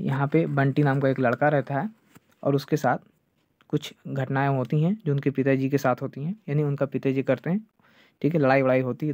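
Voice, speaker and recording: A male teacher giving an online exam-prep lecture, checking "clear?" over and over and slowing down to drill names. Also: mid-range voice, darkish tone, no echo. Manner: repeats "ठीक है" and "clear है" often, drills names slowly. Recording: dull lo-fi dry sound.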